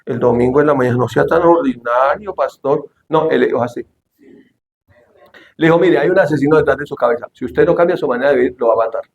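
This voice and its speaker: A male pastor delivering an animated sermon, shouting the quoted lines and asking the congregation questions. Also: medium pitch, rapid-fire, echoey room, lo-fi sound, a little hiss or hum. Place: church hall.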